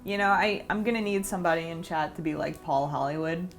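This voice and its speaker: A woman's voice: lowish voice, fast talker, faint music behind. A woman with a New York accent co-hosting a casual podcast, tossing in playful jokes. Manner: playful, joking interjections. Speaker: podcast co-host. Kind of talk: casual chat.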